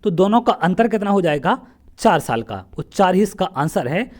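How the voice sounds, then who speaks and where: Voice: mid-range voice, animated, normal speed, a little mellow. A math teacher from central India, solving exam questions step by step, often asking a question and answering it straight away. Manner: asks questions then answers them, step by step. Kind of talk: exam-prep lesson solving past paper questions.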